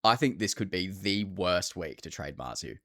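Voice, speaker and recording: A man's voice: sits low, expressive, normal speed, a bit bright, no echo, studio quality. An Australian man co-hosting a podcast, talking casually about sport over a call. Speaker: fantasy rugby league podcast co-host.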